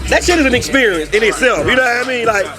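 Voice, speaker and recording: A man with an Atlanta accent hosts in a loose, profane way, full of stories. His voice is very high for a man. Loud club music plays behind him. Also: animated, fast. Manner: loose, profane, laughing, storytelling. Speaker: host. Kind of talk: casual interview chat. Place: strip club, music playing.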